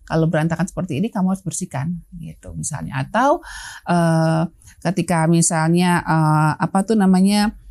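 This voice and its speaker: A woman's voice: fairly low pitch, moderate pace, gravelly, darkish tone. A woman guest explaining child-rearing in an interview, hesitant with many fillers, acting out little parent and child exchanges. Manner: acts out parent and child lines. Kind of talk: interview, explaining with acted examples.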